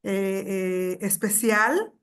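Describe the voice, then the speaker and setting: A woman on an online panel, speaking warmly and sometimes searching for words. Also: medium pitch, very slow, smooth. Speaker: chamber of commerce director, panelist.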